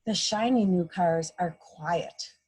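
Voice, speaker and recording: A mother visiting as a guest storybook reader reads a picture book aloud to young children, explaining things simply like a teacher and playfully acting out the sound effects. Her woman's voice sits on the low side, slow-paced, with a darkish tone and a breathy edge.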